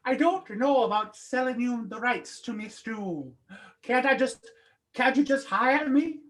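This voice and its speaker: A performer voicing a spry, boastful old leprechaun who cooks stew, with folksy old-timey speech and a lively, swooping delivery. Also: medium pitch, a little slow. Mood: pleading.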